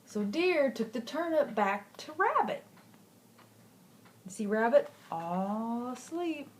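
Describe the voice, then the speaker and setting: A sweet old lady, a grandmother, reading a picture book aloud gently and affectionately, with asides to a child. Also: on the high side, very animated, slow. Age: older. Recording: clearly noisy home recording.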